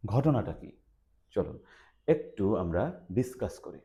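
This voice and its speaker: Lively, emphatic male teacher. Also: fairly low pitch, slow. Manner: lively and emphatic, with frequent "ah" fillers. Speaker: English teacher. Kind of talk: explaining spelling rules in Bengali. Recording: dull lo-fi recording.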